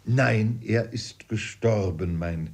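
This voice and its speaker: A man voicing a gentle, quiet old soldier uncle who speaks softly with sighs. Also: lowish voice, takes it slowly. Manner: quiet, sighing. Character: gentle soft-spoken retired soldier uncle.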